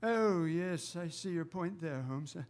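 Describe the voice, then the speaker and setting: A man plays a mild gentleman doctor and detective's companion in a radio play. He is courteous and hesitant, easily amazed, with expressive swings of intonation. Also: on the high side, a little slow, clear, resonant tone. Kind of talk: theatrical radio drama acting.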